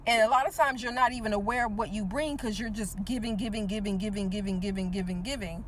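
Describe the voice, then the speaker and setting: This fast, mid-range voice belongs to a woman in her forties, a teacher and motivational speaker, in a chatty motivational monologue. She keeps asking the viewer "right?" and repeats herself emphatically, with slight background noise behind her.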